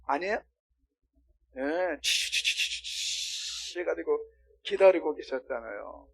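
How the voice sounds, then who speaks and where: A male pastor preaching a sermon, swinging between loud exclamations and quiet asides while questioning the congregation. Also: a little high, lively intonation, moderate pace.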